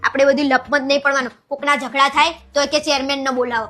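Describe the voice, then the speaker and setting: A woman's voice: high voice, steady tone, pushed and bright. A woman playing a nagging, scolding wife in a comedy skit. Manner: scolding, nagging, fast talk.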